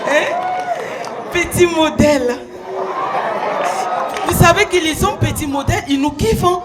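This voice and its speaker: A flirtatious, gushing lady, as a male comic puts her on with an affected French accent and a very high, drawn-out voice. She teases the crowd slowly and keeps adding "hein". A cheering audience and loud noise fill the live stage recording. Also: over loud music, low-quality recording. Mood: teasing. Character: flirty, gushing woman, Madame Ducu, with a put-on French accent. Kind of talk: stand-up character comedy on stage. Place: concert stage before a large audience.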